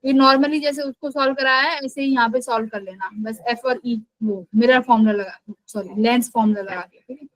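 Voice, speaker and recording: A young woman with a high voice leads a live online physics class. She explains step by step and keeps checking that her students understand. Her voice sounds dry and close, with no room echo. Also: steady tone, fairly quick, hardly any pauses. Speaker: physics teacher.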